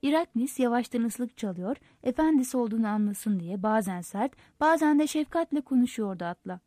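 A woman narrating a novel aloud in a steady, measured storytelling manner. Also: fairly high pitch, no echo. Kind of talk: audiobook narration.

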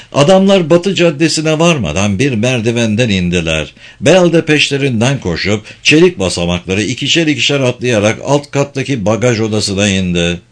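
Man, audiobook narrator, medium pitch, steady, measured, scripted storytelling.

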